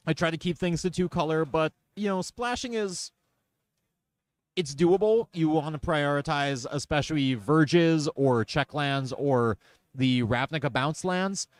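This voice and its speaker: A man's voice: on the high side, unhurried, dry recording. Chatty man commentating a card game. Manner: chatty, wry and self-deprecating.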